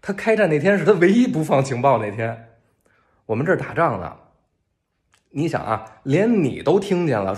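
A man with a Beijing accent talking casually to viewers in a video, cracking wry, deadpan jokes. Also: fairly high pitch. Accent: Beijing Mandarin. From Beijing, China. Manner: wry, joking, deadpan gallows humor. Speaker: civilian in a war zone posting a video.

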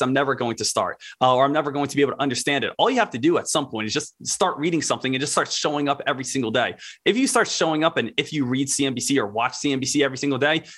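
A man's voice: medium pitch, a bit bright. A man on a casual podcast, explaining things earnestly with lots of fillers.

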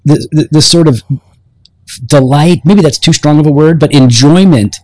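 A man's voice: on the high side, normal speed, darkish tone, no echo. A man co-hosting a casual faith podcast, talking in a rambling, teasing way with many restarts. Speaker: podcast co-host.

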